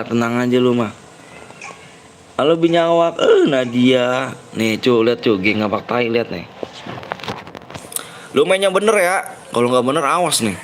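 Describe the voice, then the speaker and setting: A man's voice: mid-range voice, a little mellow, slight background noise, rough recording. A young man, giving rowdy, slang-heavy commentary on a live game stream and trash-talking his opponents.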